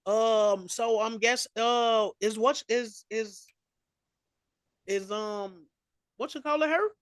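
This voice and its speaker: High-voiced man in slangy sports banter. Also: slow pace, fairly bright tone, clear, resonant tone, dry recording. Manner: loose, slangy, trash-talking and laughing. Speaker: podcast co-host. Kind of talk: casual sports chat.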